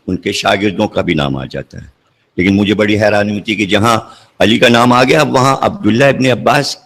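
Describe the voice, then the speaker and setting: A man delivering a sermon, building to emphatic, near-shouted climaxes and then dropping low again. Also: big-room sound. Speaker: preacher.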